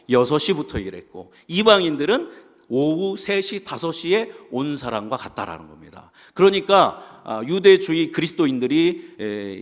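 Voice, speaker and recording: A man's voice: on the high side, fairly bright tone. A male pastor preaching a sermon, who keeps asking the congregation questions and answering them himself. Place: church sanctuary. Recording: long reverb of a church hall.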